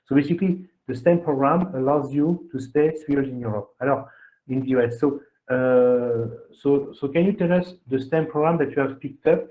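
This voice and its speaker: Over tinny, phone-like video call audio, a man with a mellow, medium-pitched voice hosts a webinar as an admissions consultant. He speaks at a moderate pace, rambles through his explanation, and checks in with "okay?"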